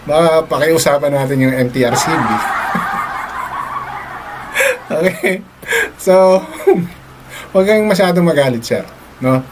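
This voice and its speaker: Guy chatting on his live stream, laughs a lot, keeps tossing in english words, bit of background noise. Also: fairly high pitch. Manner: chatty, mixes English into Tagalog, laughs often, repeats "no?". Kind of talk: casual live-stream talk to viewers.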